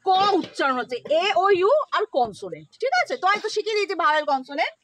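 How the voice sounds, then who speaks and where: Very high-voiced woman teacher quizzing kids. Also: sing-song, very fast, fairly bright tone. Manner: quizzing questions, repeated prompts. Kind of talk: classroom phonics lesson. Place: classroom with children.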